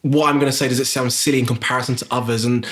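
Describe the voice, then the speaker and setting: Fast-talking South London man. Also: medium pitch, fairly even intonation, a bit bright. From England. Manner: reflective, many fillers and restarts. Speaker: guest, graphic designer. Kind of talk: podcast interview.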